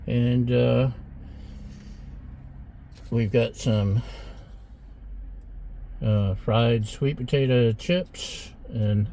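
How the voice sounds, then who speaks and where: A man's voice: medium pitch, steady tone, drawn-out words, long pauses, dark tone, a little hiss or hum. A middle-aged man hosting a casual food taste-test vlog in a restaurant, chatty and rambling as he eats between sentences. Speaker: food vlogger.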